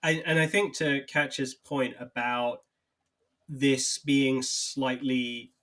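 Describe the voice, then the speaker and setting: A man on a podcast, offering measured, thoughtful points about a film in casual conversation. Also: medium pitch, fairly even intonation, a bit bright. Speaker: podcast co-host.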